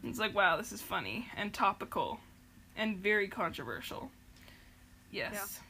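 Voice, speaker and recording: A woman's voice: medium pitch, sing-song, moderate pace, bright, forceful tone, a little hiss or hum. A young adult woman hosting a podcast, casually recapping a show in a rambling, filler-heavy way and giggling often. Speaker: podcast host.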